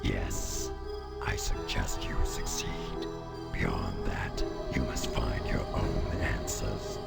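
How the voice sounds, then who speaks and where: A sinister old leader of a secret order from a video game. The voice is rock-bottom deep and thick with fry, breathy and ominous. He speaks slowly and grandly, with loud music behind him. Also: fairly even intonation, full character voice. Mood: stern, cryptic. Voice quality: gravelly, breathy. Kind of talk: scripted video game acting.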